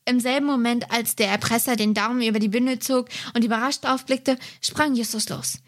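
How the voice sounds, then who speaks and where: A woman reading a detective story aloud in a steady, measured way. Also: a little high. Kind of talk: reading a novel excerpt aloud.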